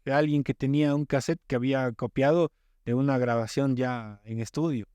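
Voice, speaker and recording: A music producer from Ecuador's coast chats casually as a podcast guest, explaining things emphatically and often repeating words as he gets going. His voice is mid-range, steady and dark at a moderate pace, clean with no room sound, though the recording is muffled.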